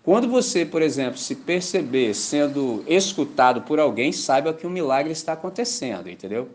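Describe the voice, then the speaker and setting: A man's voice: fairly high pitch, normal speed. A man with a Brazilian Portuguese accent preaching a sermon at a church service, conversational and slangy, often asking his listeners if they follow. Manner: conversational, keeps asking "entendeu?"; slangy and animated. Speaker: pastor.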